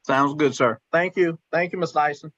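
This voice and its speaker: A man's voice: fairly high pitch, fairly bright tone, no echo. Polite older man asking questions, dull lo-fi sound. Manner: polite, deliberate, says "sir" often. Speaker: board committee member. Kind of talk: asking questions at a public board meeting. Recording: dull, lo-fi pickup.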